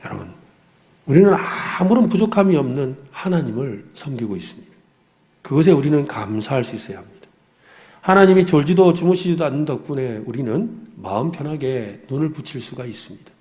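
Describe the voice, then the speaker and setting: Animated Korean man preaching, mellow voice. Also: medium pitch, brisk. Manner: earnest, confessional preaching with personal stories. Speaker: pastor. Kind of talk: sermon.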